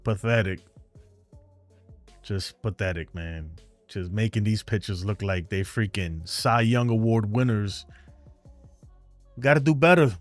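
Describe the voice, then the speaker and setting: Answering comments from viewers during a fan live stream, a man with a New York accent talks loosely and at length, frank and wandering. His voice is lowish and his pace measured, broken up by long pauses, while faint music plays underneath.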